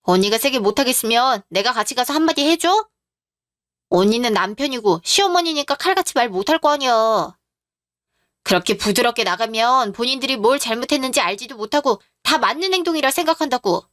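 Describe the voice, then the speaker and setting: A woman's voice: a little high, expressive, brisk, fairly bright tone, no echo, clean studio sound. A woman voicing a blunt younger companion who urges the heroine to stand up for herself. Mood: urging. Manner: blunt, urging. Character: protective younger sister-in-law, blunt. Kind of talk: radio drama reading.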